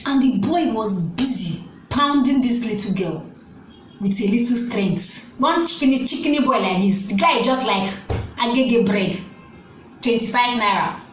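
Nigerian woman vlogger, slow and emphatic, repeats lines; echoey room with faint background noise. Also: fairly high pitch, expressive. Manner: repetitive, exclamatory, preachy. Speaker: YouTube vlogger. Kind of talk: emotional direct-to-camera vlog.

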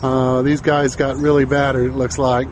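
A man giving casual, unscripted commentary on a field video, speaking haltingly. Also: mid-range voice, level tone, a little mellow. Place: moving car and open roadside. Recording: very noisy vehicle and outdoor field recording.

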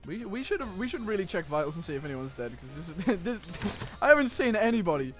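A man chatting excitedly while playing an online game with friends, yelping and panicking loudly at surprises. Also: sits high, a little fast, music in the background. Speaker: gaming YouTuber playing with friends. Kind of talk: excited gameplay chat.

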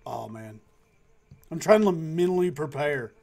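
A gaming streamer does let's play commentary on a horror game, chatting jumpily, teasing the characters he meets and swearing now and then. His voice sits on the high side, creaky and a little mellow, with lively intonation at a measured pace.

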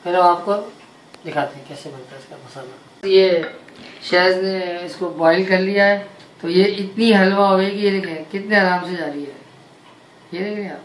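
A man's voice: high-pitched, normal speed. A man in his forties co-hosting a home cooking demo, chatting and repeating tips for viewers. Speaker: cooking channel co-host. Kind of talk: casual cooking demo chat. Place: home kitchen. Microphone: far camera. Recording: roomy kitchen sound from a distance, faint noise.

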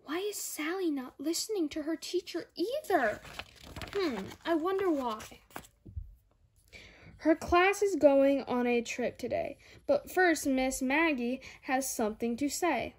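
Reading a picture book aloud in a room at home, a young girl goes word by word with care and adds small comments to her listeners. Her voice is high and unhurried.

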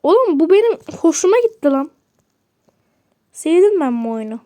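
A woman's voice: extremely high pitch, sing-song, normal speed, dark tone. A woman giving casual commentary while playing a game, chatting and muttering to herself with frustrated outbursts. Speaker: gamer.

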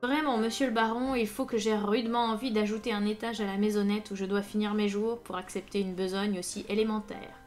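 A woman voicing a calm, dry-witted male police inspector in a story reading. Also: mid-range voice, soft background music, close to an everyday voice. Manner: calm, wry, unhurried.

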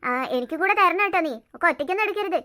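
A woman's voice: very high-pitched, animated, racing, pushed and bright, exaggerated voice. A woman voicing a smug, bossy older sister who teases her younger sister. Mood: teasing. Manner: teasing, bossy. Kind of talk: cartoon voice acting.

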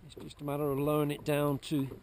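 A man's voice: on the high side, completely flat delivery, fast talker, a little mellow, a little hiss or hum. A man explaining fishing methods from a kayak out at sea, chatty and repeating himself as he goes, recorded on a kayak-mounted camera. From Cornwall, UK. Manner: chatty, repeats words and restarts while explaining. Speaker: kayak angler presenting a fishing video. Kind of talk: casual outdoor how-to narration. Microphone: action camera mounted on the kayak.

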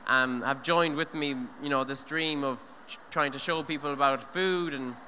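The voice is on the high side, pushed and bright, at a normal pace: a young man from Ireland speaking at an eco event. On stage in a large hall with a handheld mic, he gives an earnest, rambling talk, full of restarts and "you know". Long reverb from the hall and faint noise are present.

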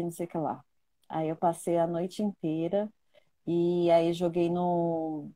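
Woman guest, low voice, close dry mic, heartfelt and repetitive storyteller. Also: warm tone, no echo. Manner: emotional, repeats words, acts out dialogue. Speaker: guest sharing her cancer story. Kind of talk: casual conversational storytelling.

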